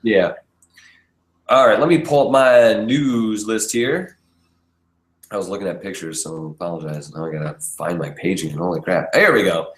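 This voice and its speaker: A man hosting a podcast in an almost empty basement, chatting in a relaxed, rambling way and chuckling often, his voice echoing off the bare room. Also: deep voice, moderate pace. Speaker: podcast host. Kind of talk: casual chat.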